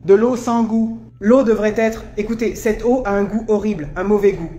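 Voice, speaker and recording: A man's voice: sits high, steady tone, moderate pace, faint music behind, lightly acted. A man playing a grumpy bossy old man. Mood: demanding. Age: older. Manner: overbearing, lecturing, loud complaints. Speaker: visiting father.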